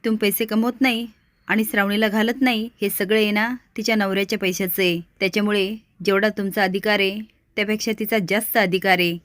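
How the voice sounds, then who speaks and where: A woman voicing an indignant young woman who loudly defends another family member. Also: medium pitch, little pitch movement, fast talker, no echo, lightly acted. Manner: indignant, raised voice. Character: sharp-tongued young woman defending her sister-in-law.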